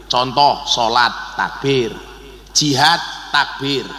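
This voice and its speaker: A man with a Javanese accent preaching a lively, joking sermon, swinging between soft and loud. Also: medium pitch, slow. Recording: echoey hall.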